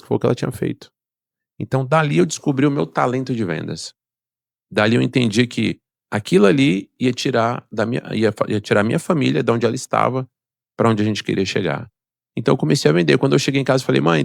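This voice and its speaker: A middle-aged man with a Brazilian Portuguese accent tells his life story as a podcast guest, fast and emphatic. His voice has a gravelly rasp and sits at an ordinary pitch. The sound is close and dry. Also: dry recording. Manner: emphatic and motivational, acts out quoted voices. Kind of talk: personal storytelling in a podcast interview.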